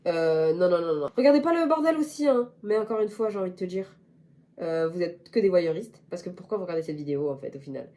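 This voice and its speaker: A woman's voice: lowish voice, animated, fast, mellow. Chatty, playful young woman vlogging. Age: young adult. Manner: chatty, playful and self-mocking, with slang. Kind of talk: casual chat to camera.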